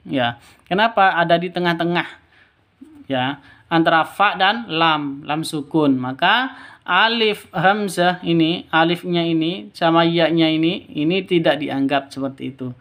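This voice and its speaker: A man with a high, smooth, clear voice leads a beginner lesson in Quran reading. He chants each verse slowly and drawn out, then breaks off to explain the rules at an unhurried pace, stopping to correct himself and to repeat the examples patiently. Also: fairly bright tone. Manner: alternates slow drawn-out chanted recitation with brisk explanations. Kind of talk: step-by-step recitation lesson for beginners.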